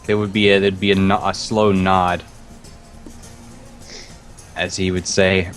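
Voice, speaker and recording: A man narrating as game master of a tabletop game, halting and restarting as he goes. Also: low-pitched, little pitch movement, fairly bright tone, faint music behind.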